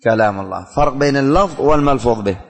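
A man's voice: mid-range voice, animated, racing, big-room sound. A man teaching a religious studies class, calling on students by name, asking questions and repeating the answers.

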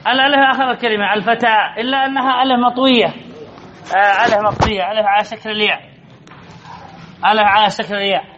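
A male grammar teacher giving a classroom lesson, repeating key phrases and quizzing his students with drawn-out words. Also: very high voice, pushed and bright, lo-fi sound.

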